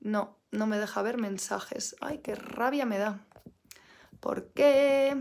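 A woman from Canada teaching English in a live online lesson, chatty and lively, repeating words for her learners. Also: mid-range voice, slow pace, gravelly, echoey room, a little hiss or hum.

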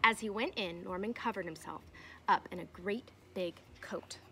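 Outdoors in a fenced backyard, a young adult teacher reads a children's story to her pupils in a medium-pitched voice at normal speed. She reads expressively and swells emphatically on key words. Some ambient noise can be heard behind her.

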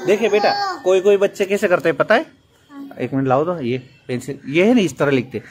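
A man's voice: high voice, fairly quick. A man with a Gujarati accent teaching young children to write letters, patient and playfully teasing them, in a classroom. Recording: noisy classroom full of children.

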